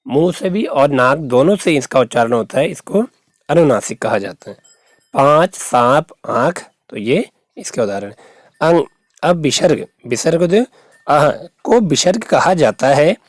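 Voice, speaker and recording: Male teacher, patient classroom explainer, a bit high-voiced, dry close sound. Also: dry recording. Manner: explains patiently, repeats terms and asks rhetorical questions. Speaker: school teacher. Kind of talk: grammar lesson for young students.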